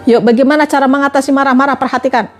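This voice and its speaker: Woman trainer, high voice, preachy live-stream advice, faint music underneath. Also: steady tone, rapid-fire. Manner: fires repeated rhetorical questions at listeners; addresses viewers directly, coaxing. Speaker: motivational trainer.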